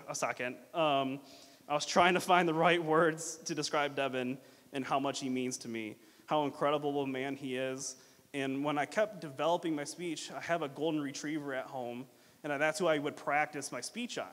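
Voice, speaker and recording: A man with a slightly high voice gives a rambling best man speech in a hall with long reverb. He talks informally and jokingly, stumbling into false starts and circling back over his phrases. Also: fairly bright tone. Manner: rambling, halting, with false starts and repeated fillers. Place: reverberant hall at a wedding reception.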